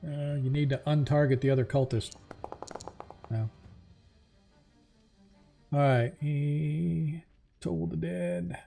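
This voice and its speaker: A man's voice: on the high side, slow pace, creaky, long pauses, mellow, faint music behind. A man casually running an online tabletop roleplaying game as its game master.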